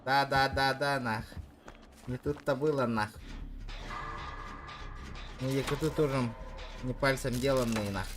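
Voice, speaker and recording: A man giving excited live gaming commentary in brash street-thug slang with heavy swearing. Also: medium pitch, unhurried, pauses often. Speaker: game streamer. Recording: music playing behind the voice.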